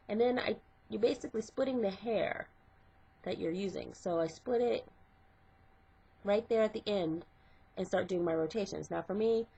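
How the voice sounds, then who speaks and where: A middle-aged woman hairstylist, congested from a cold, talks conversationally step by step through a casual hair tutorial, using fillers. Her mid-range voice is creaky, husky and dark in tone, captured in a dull lo-fi home recording.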